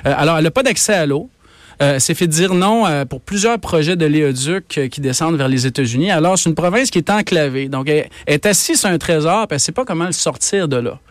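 Emphatic Québécois man, slightly high voice. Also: expressive, fast talker, dry recording. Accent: Québécois French. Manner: emphatic, argumentative, frequent repetitions. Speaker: economics columnist and professor, guest. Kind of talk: radio interview.

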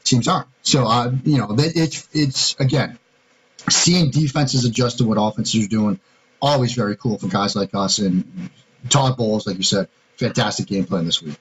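Husky-voiced man breaking down football plays. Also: fairly low pitch, normal speed, muffled recording. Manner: analytical, talks through schemes step by step. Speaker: podcast co-host, football analyst. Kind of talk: casual podcast chat.

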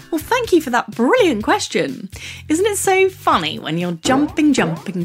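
Very animated, bright woman podcast host. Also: sits high. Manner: bright, enthusiastic, curious, talking to young children. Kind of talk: scripted, animated children's podcast presenting.

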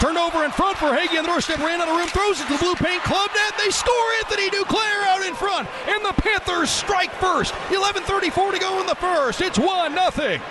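A man giving rapid, excited live hockey play-by-play, with urgent calls that rise into shouts. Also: very high voice. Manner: rapid-fire calls rising to shouted goal calls. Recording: noisy arena broadcast. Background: loud arena noise.

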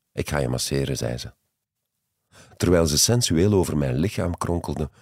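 A man tells a first-person story in a scripted, intimate and measured narration. His voice is extremely deep, husky and gravelly. The sound is dry and close. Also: a little mellow, no room sound.

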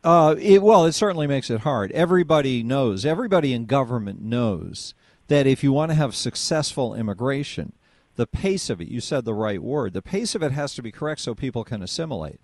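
A man's voice: mid-range voice, sing-song, brisk, darkish tone, no echo, clean studio sound. A male radio host on a call-in show, leading the caller along with pointed questions. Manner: probing, leads the caller with questions. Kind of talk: call-in talk radio debate.

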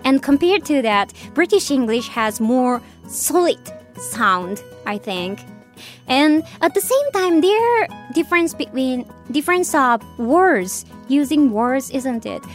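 Her voice sits high and very animated yet very slow as this Japanese woman hosts a radio show, alternating between Japanese-accented English and Japanese in casual talk. She frequently halts to search for words and leans on lots of fillers, with soft music behind her.

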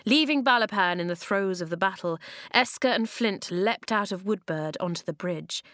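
A woman narrating a children's storybook in an expressive way, slowing down for dramatic moments, on a close studio mic. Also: medium pitch, dry recording. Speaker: audiobook narrator. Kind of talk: storybook reading.

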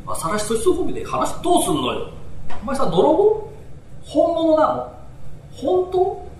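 A man's voice: extremely high pitch, wildly swooping pitch, moderate pace, darkish tone, far from the mic, exaggerated voice. A man voicing a shrewd, cool-headed middle-aged kept woman in a rakugo tale, coaxing and knowing in a raised voice. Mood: teasing. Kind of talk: rakugo storytelling. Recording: roomy hall with faint noise.

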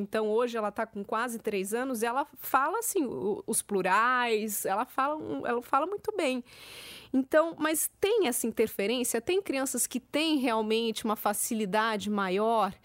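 A woman's voice: on the high side, moderate pace, a bit bright, dry recording. A woman hosting a podcast, telling a personal story in a chatty, casual way. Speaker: podcast host. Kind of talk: casual conversation.

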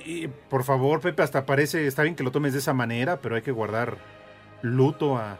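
A man's voice: medium pitch, normal speed, soft background music. A man with a Mexican accent hosting a radio show with joking live banter. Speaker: radio sports show host.

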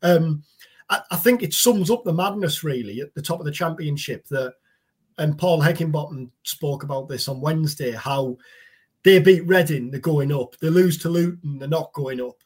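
A male pundit offers casual football analysis. His voice is husky and somewhat high for a man. He often doubles back on words as he works out his point. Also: normal speed, darkish tone. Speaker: sports podcast pundit.

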